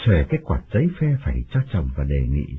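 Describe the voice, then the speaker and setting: Expressive male storyteller, tinny audio. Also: a bass voice, quick pace. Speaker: narrator. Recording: tinny phone-like sound, faint music.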